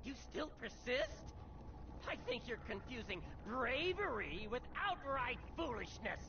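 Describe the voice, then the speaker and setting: Brainiac: a too-smooth android villain. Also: male voice, very high voice, sing-song, a little slow, exaggerated voice. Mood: haughty. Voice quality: haughty, contemptuous. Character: cold, arrogant male android villain. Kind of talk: video game character dialogue. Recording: muffled game audio, loud noise.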